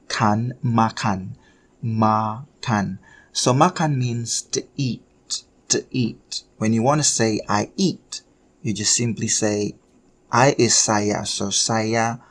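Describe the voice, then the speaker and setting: Very slow, patient Indonesian man teaching. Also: lowish voice. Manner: slow and patient, repeats words and spells them out letter by letter. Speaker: language teacher. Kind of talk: slow, patient language lesson. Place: Bali.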